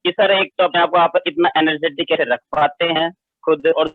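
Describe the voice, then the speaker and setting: A man's voice: fairly high pitch, fairly even intonation, a little fast, no room sound. A man calling in with questions, deferential and hesitant, full of fillers. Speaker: caller asking questions. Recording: tinny dry phone line.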